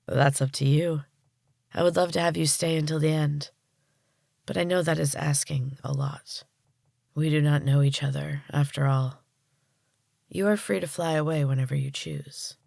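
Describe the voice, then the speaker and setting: A woman reading as a breathy, solemn tree-creature woman. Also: deep voice, animated, normal speed, pauses often, darkish tone, no echo, studio quality.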